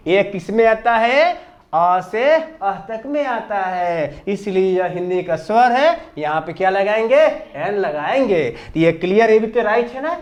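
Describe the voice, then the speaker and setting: Hindi-accented guy teaching grammar, high voice, slow and repetitive. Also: dull audio. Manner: call-and-response drilling, repeats questions to pupils. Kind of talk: classroom lesson. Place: classroom.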